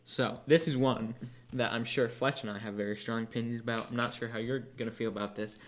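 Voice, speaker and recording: A man's voice: medium pitch, fairly even intonation, brisk, slight background noise. A young man co-hosting a casual podcast chat, asking teasing questions in a playful way. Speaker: podcast co-host.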